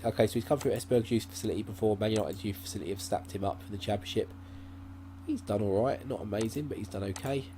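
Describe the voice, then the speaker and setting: Fast and mellow, a man's voice sitting on the low side carries his gaming channel's casual let's-play commentary. He rambles and thinks out loud, restarting often and using plenty of fillers, recorded on a desk mic at his laptop over its faint hum.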